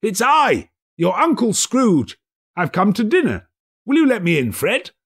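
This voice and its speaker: Man playing old reformed miser, storybook, high swooping voice, hearty, emphatic, mock-gruff. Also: huge pitch swings, unhurried, exaggerated voice. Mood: eager, affectionate. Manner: exclamatory, emphatic, playfully stern. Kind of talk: dramatic storybook character reading.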